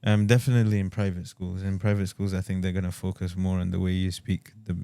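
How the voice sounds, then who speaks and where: Relaxed low-voiced male podcast host. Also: fast talker, a little hiss or hum. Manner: relaxed, easygoing, repeats his words as he starts sentences. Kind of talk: casual conversation.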